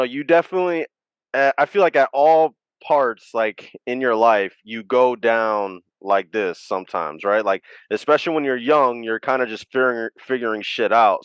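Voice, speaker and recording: A man co-hosting a podcast in casual chat, an animated storyteller who swears freely. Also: on the low side, smooth, dry recording, highs cut off. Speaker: podcast co-host.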